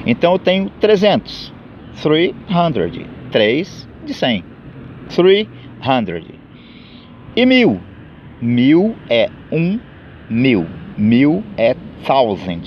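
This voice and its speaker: Brazilian man teaching English numbers. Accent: Brazilian Portuguese. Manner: repeats numbers in Portuguese and English, many fillers. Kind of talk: informal spoken English lesson. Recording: dull low-fidelity audio with faint street noise.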